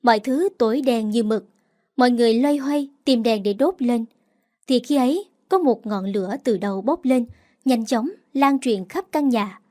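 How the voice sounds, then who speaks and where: A woman with a fairly high voice reads a first-person audiobook story. Her delivery is dramatic and emotional, carrying the listener through the tale. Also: normal speed, dark tone. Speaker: narrator.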